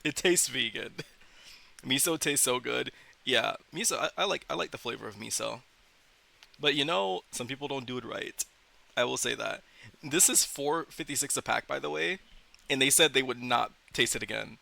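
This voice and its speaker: A male streamer in casual live reaction chat. His voice is very creaky and gravelly, with a bright, forward edge. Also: medium pitch, moderate pace.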